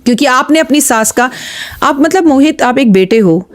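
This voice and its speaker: A woman astrologer speaks as a podcast guest in a slightly high voice. Her tone is blunt, emphatic and preachy as she gives advice. She often retells stories in quoted dialogue. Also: expressive, moderate pace.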